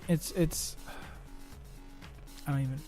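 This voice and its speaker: A young man hosts his podcast alone, telling personal troubles in a halting, restart-filled monologue and swearing freely. His voice sits a little high for a man. Faint music plays underneath. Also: steady tone, warm tone. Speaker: podcast host.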